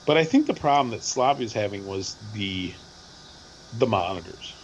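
A middle-aged man with a hoarse voice, co-hosting a podcast and telling a rambling, animated story with lots of repeats. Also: on the low side, moderate pace, highs cut off, a little hiss or hum. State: hoarse from screaming at a concert. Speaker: podcast co-host. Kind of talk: casual chat.

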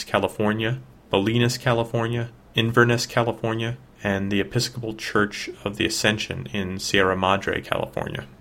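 A man's voice: fairly low pitch, vocal fry, fairly bright tone. A man hosting a film review, reading scripted narration about film history.

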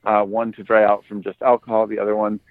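A man's voice: on the low side, completely flat delivery, quick pace, dry recording, phone-quality sound. A laid-back man from the United States, casually telling a story on a podcast and chuckling as he goes. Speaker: podcast co-host.

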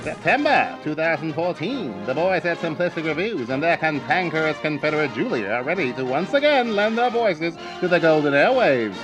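A man doing a booming 1940s newsreel announcer. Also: very animated, normal speed, hardly any pauses, music in the background, poor audio. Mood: grandiose. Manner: dramatic, old-fashioned announcer delivery. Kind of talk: old newsreel narration.

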